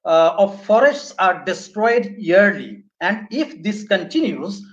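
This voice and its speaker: A high-pitched man with a Bangladeshi accent delivers an academic talk over a video call. He speaks haltingly, with frequent fillers and restarts. The online audio is dull and muffled. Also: sing-song. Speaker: webinar speaker. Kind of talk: academic presentation.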